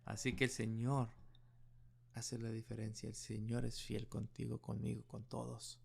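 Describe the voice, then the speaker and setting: A man's voice: medium pitch, monotone, a little slow, vocal fry, husky. A middle-aged male pastor preaching a sermon, telling a personal story in an earnest way.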